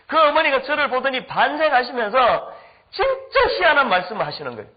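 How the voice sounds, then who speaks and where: Animated high-voiced male pastor, lo-fi. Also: a little fast. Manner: animated, humorous anecdotes with acted-out quotes. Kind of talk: storytelling sermon. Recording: dull lo-fi recording.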